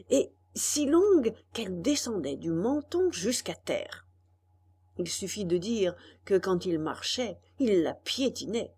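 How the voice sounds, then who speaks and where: Woman, storybook narration, expressive, husky, lively pitch. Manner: expressive, slow reading. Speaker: audiobook reader.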